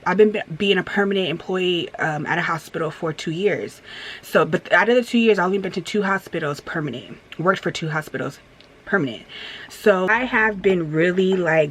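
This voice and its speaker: This thirty-something vlogger chats through a storytime while doing her getting-ready routine, wandering off with fillers and restarts and getting forceful when she vents. Her voice is lowish with a fairly bright tone, and the rough recording has a little hiss or hum.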